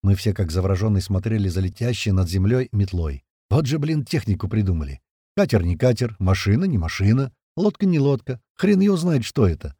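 A man's voice: lowish voice, very animated, a little fast, dark tone, slightly rough, dry recording. A man narrating a first-person audiobook in a conversational tone with casual swearing, close to the mic.

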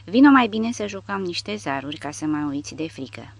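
A man reading the part of an irritable imprisoned officer who talks in a gruff, snapping way. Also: high-pitched, expressive, full character voice. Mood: irritated. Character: irritable male prisoner officer, curt.

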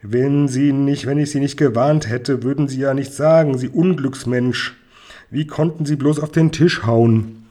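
A man's voice: medium pitch, fairly even intonation, unhurried, mellow, close to an everyday voice. A man voicing a brusque elderly fortune-teller woman who scolds and lectures, reading a storybook aloud. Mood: scolding.

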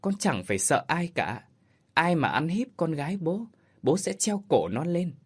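A man's voice: a little high, sing-song, measured pace, breathy edge, voice pushed up, heavily acted. A man voicing a worried young father who reassures his child in a soothing way.

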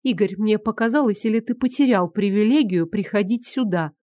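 A prickly young woman who is easily riled, as the woman reader puts her on. She speaks in a mid-pitched voice, sharp and scolding, in a dry, close audiobook read. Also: fairly quick, dry recording, natural voice. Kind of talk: audiobook character voice.

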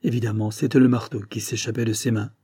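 Husky dark-voiced man narrating. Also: medium pitch, steady tone, quick pace, dry recording, studio quality. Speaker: audiobook narrator. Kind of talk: literary audiobook narration.

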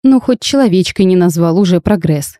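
A bold young half-fairy bride from a storybook, teasing and quick with questions, as a woman reads her. The voice sits a little low and sounds mellow and warm. It is recorded close and dry. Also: expressive, no room sound, natural voice. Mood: spirited.

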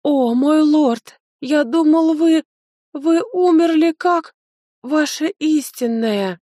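A woman voicing a fawning, panicky old male steward who pleads in a whiny, shrill way. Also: steady tone, fairly quick, a little mellow, no room sound, clean studio sound, lightly acted. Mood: panicked.

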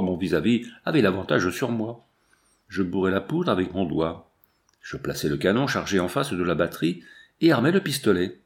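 A man reading a first-person adventure novel aloud as a measured, tense audiobook narration. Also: on the low side. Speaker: audiobook reader.

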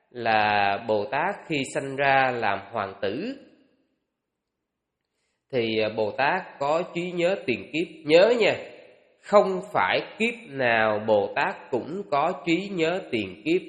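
Echoey monk giving a talk. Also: male voice, mid-range voice. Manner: unhurried, thinking aloud with many pauses and fillers. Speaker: Buddhist monk teaching. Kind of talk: dharma talk. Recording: echoey hall with long reverb.

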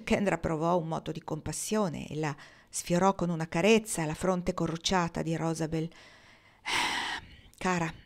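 A woman narrating a novel in a measured, expressive reading voice. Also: sits low, creaky. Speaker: audiobook reader.

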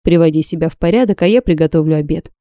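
Audiobook casting: a woman playing a calm, playful male mage, low and hushed, warm tone, dry close sound. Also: fast, no room sound, close to an everyday voice. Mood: teasing.

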